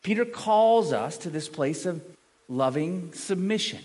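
A middle-aged man addresses a congregation from the pulpit of a large room, his high-pitched voice animated and unhurried with a darkish tone. The sermon is conversational, and he often repeats and restarts words as he earnestly explains. Long hall reverb colors the recording.

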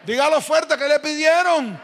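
Pastor, very high voice, emphatic call-and-response sermon, reverberant church hall. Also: male voice, normal speed, fairly bright tone.

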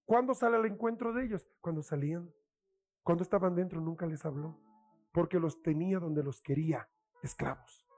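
A man preaching a sermon with a Chilean accent, acting out tempting voices and dropping to hushed whispers. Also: fairly high pitch, moderate pace, faint music behind. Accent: Chilean Spanish.

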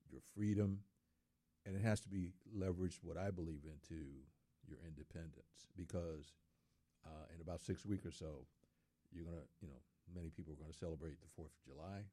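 A man's voice: low voice, brisk, dark tone, dry recording. A middle-aged man in casual studio talk, speaking earnestly and repeating words for emphasis.

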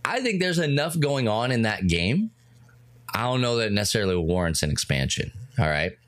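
A man co-hosts a laid-back chat in a slightly low voice. He rambles, restarts and ribs his partner. The sound is dry and close. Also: very animated, brisk, fairly bright tone, no room sound. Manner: rambling, self-correcting, playful banter. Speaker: co-host. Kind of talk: casual chat.

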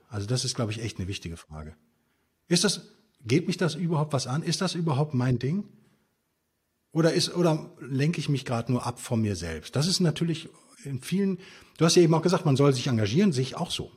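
Animated husky man explaining. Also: medium pitch. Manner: animated, emphatic explainer with rhetorical questions. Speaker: podcast guest, stoicism author. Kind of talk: conversational interview.

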